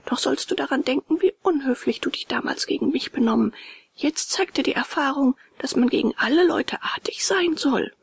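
A woman's voice: high voice, expressive, normal speed, vocal fry, no echo, whispered, studio quality, pitched above the performer's own voice. A woman doing a small lecturing cricket. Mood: stern. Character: small wise cricket, stern but kind.

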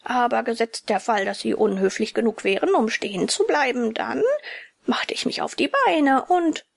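A woman's voice: moderate pace, gravelly, no echo, studio quality. A woman reading an audiobook, voicing a boastful young wooden puppet boy in a raised voice. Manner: cocky, excited, high-pitched.

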